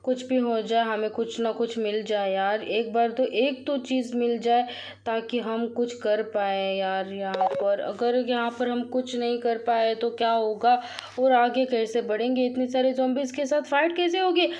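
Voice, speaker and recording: A woman's voice: a little high, unhurried, slight background noise. A woman casually commenting on her mobile game as she plays, chatty with viewers, often crying out and repeating words when things go wrong. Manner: excitable, frequent cries and repeated words; addresses viewers as friends, chatty. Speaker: gaming channel host. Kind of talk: live commentary while playing a mobile game.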